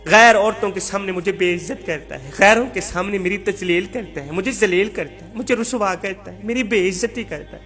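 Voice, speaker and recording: A man's voice: high voice, moderate pace, hardly any pauses, a bit bright, faint music behind. A man voicing a mistreated wife who pleads and laments her lot. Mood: pleading, lamenting. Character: wronged, pleading young wife.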